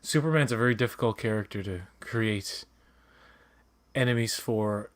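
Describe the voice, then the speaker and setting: A man's voice: lowish voice, moderate pace. A man from Canada chatting casually as a watch-along co-host, blunt and repeating words for emphasis. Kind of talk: casual chat and commentary.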